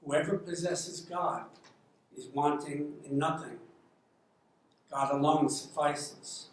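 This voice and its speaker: A priest recites a prayer slowly and solemnly, his voice fairly high for a man. He sounds far from the mic. Heavy echo fills the room, with faint noise behind him. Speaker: priest in the guidance department. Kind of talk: reading a prayer. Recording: very echoey room, voice from a distance.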